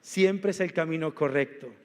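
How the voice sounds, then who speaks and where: Male pastor, sermon, high voice, long hall reverb, numbered points and questions. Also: moderate pace. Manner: preaching with rhetorical questions and lists. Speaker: senior pastor. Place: church.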